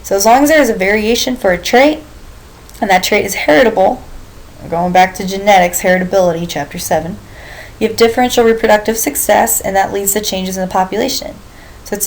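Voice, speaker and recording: A woman lecturing her biology class at a mid-range pitch. She explains step by step and keeps turning to the students with questions, reminding them of what they covered before. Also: slight background noise, low-quality recording.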